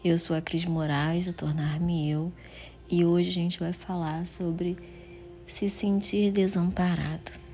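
Brazilian female meditation guide: soothing, hushed delivery, very even intonation, soft music underneath. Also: fairly low pitch, slow, slight background noise. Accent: Brazilian Portuguese.

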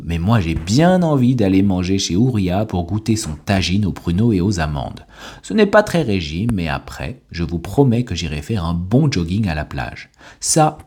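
A man with a deep, slightly husky voice gives a scripted language lesson. His pitch rises and falls in a lively way, and he speaks each word clearly and deliberately, like a teacher guiding learners. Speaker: French teacher and podcast host.

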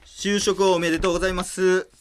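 A man with a Kansai accent hosting a casual comedic radio chat, bantering and quick to laugh and retort. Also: high-pitched, level tone, noisy background. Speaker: radio show host. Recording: music playing behind the voice.

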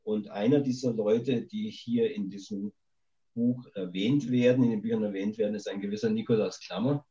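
This man has a lowish, dark voice with a steady tone and a moderate pace. He's an author interviewed for a remote podcast, heard through a dull, lo-fi satellite call line, and he speaks in a rambling, thoughtful manner with many hesitations.

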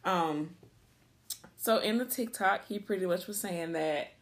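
A woman co-hosting a podcast in casual chat, animated and slangy, often repeating herself. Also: on the low side, measured pace, slight background noise. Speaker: podcast co-host.

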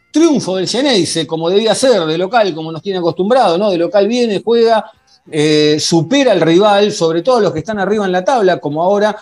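A man with an Argentine accent hosting a football podcast in a conversational, halting way, often repeating himself. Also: sits high, darkish tone. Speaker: sports podcast host. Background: faint music.

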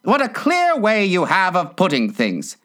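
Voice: medium pitch, huge pitch swings, measured pace, fairly bright tone, voice pushed up. A narrator voicing a pleased, long-winded, moralising Duchess in a storybook, a woman eager to agree. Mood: eagerly agreeable.

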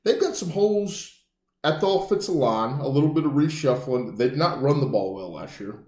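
Animated male sports podcast co-host. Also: medium pitch, normal speed. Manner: animated, mock-announcer asides. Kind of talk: casual sports talk. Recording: roomy echo.

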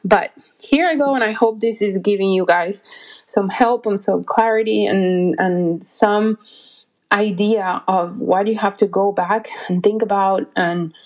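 A woman's voice: mid-range voice, fairly even intonation, unhurried, darkish tone. Woman in her 40s, motivational business coach vibe, earnest, lots of restarts while she finds the words. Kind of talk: motivational solo talk.

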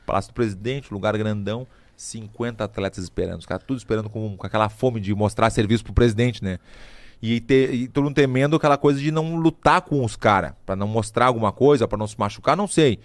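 A man from Brazil with a Brazilian Portuguese accent, a podcast guest telling an animated story in casual chat. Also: lowish voice, fast, no room sound. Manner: animated storyteller, acts out quotes.

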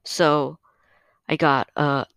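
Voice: mid-range voice, flat delivery, drawn-out words, fairly bright tone, clean tone, no echo. A podcast host recording at home on a new microphone, talking casually and hesitantly with many fillers, a little nervous. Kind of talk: casual solo podcast update. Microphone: new podcast microphone on a stand.

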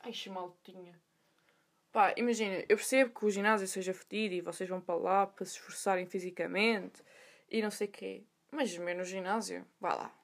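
A young woman with a European Portuguese accent, telling a story in a chatty, slangy monologue. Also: mid-range voice. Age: young adult. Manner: chatty, animated, full of slang and asides. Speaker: podcast host.

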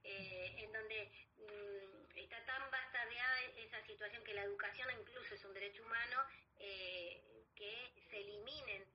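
A woman's voice: medium pitch, steady tone. Argentine woman, guest in an interview, hesitant, filler-heavy delivery, slightly dull recording with faint hiss. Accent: Argentine Spanish. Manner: hesitant, many fillers, measured explanation. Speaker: guest academic. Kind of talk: conversational interview answer.

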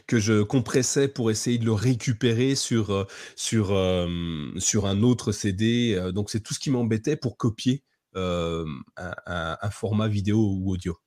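A man's voice: lowish voice, fairly even intonation, a little slow, darkish tone, dry recording, clean studio sound. A man co-hosting a tech podcast, often searching for words and repeating himself. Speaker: podcast co-host. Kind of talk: casual tech chat.

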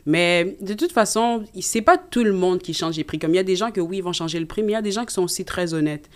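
A woman, a guest in a casual interview, telling lively anecdotes. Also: lowish voice, quick pace. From Canada. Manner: animated, tells anecdotes.

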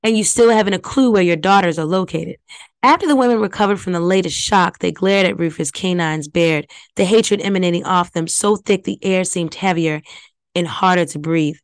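A woman narrates a scary story for a podcast. She reads plainly in a lowish voice. The sound is dry and close to the mic. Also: no room sound. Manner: plain reading with casual asides to listeners. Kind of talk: audiobook reading.

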